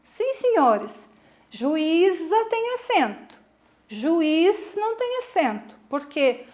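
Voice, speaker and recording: A Brazilian woman with a high voice teaches school pupils in a video lesson. She patiently explains a rule step by step, puts questions to the class, and refers to herself in the third person as "a prof," speaking with a Brazilian Portuguese accent.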